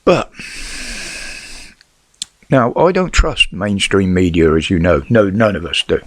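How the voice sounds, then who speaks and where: Middle-aged British male, lowish voice, whistling sibilants, dry sound, blunt and sweary off-the-cuff commentator. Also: big pitch swings, a little slow, no echo. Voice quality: whistling s from false teeth. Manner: blunt, sweary, rhetorical questions. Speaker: vlogger giving news opinions. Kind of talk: casual opinionated news commentary.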